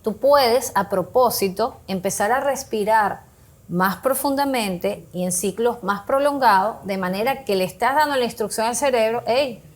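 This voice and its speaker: A woman's voice: a little high, normal speed. A woman guest on a talk show, explaining how to handle emotions with everyday examples and acted-out bits of self-talk. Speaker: guest speaker on emotional health.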